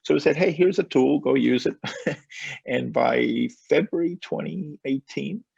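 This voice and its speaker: A man in his forties from Spain, telling his story as a guest on a video call, relaxed and full of fillers and small laughs. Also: a little high, a little slow, gravelly, breathy edge, no echo, highs cut off. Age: 40s. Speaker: guest, company founder. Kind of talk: casual interview on a call.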